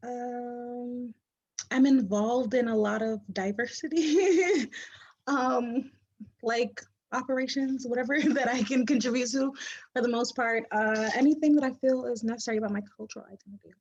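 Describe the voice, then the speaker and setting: Relaxed young woman. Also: a little high, moderate pace. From Jamaica. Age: early 20s. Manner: relaxed, offhand. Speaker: student. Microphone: video call. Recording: dull lo-fi call audio.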